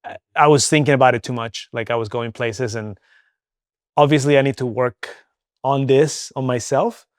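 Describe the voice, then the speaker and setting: A man's voice: mid-range voice, steady tone, moderate pace, no room sound, clean studio sound. A young man from Venezuela with no accent, talking candidly as an interview guest, chatty and full of fillers. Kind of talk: casual interview talk.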